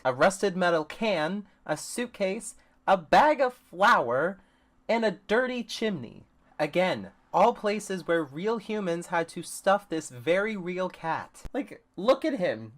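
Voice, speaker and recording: Sarcastic low-voiced woman mocking a movie. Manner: sarcastic, dry, incredulous asides. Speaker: livestream host reviewing a movie. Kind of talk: comedic movie commentary.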